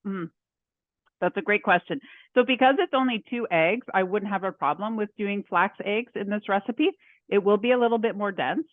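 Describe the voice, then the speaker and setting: A woman home economist walks viewers through a recipe in a relaxed, chatty way, narrating each step as she goes. Her voice comes through thin and phone-like. The sound is dry, with no room around it. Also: mid-range voice, moderate pace, dry recording. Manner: chatty, laughs often, talks through her steps. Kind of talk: cooking demonstration. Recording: dry tinny phone-like audio.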